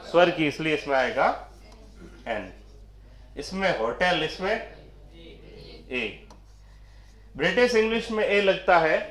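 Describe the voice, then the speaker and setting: A man teaching a class in a classroom with a lot of echo. His voice sits a bit high for a man. He keeps asking the students questions and then answers them himself. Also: a bit bright. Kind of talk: classroom lecture.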